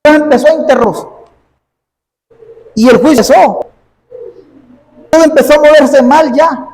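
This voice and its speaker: In a church sanctuary echoing with the long reverb of a large hall, a pastor delivers a sermon in a very high-pitched, slightly mellow voice at normal speed. He repeats his phrases and keeps stopping to say "amén" and ask "¿ves?".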